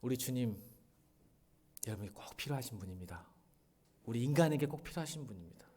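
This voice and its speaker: A middle-aged man, a pastor, preaching a sermon in a church, shifting between quiet, earnest lines and loud, animated retellings. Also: medium pitch, a little fast, husky. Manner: animated, swings from soft to loud when retelling a drama scene. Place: church sanctuary.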